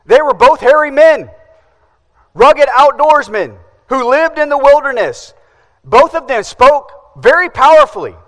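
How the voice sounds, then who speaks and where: A man's voice: very high voice, a bit bright, in a large hall. A man preaching a sermon as pastor, asking the congregation questions and answering them himself.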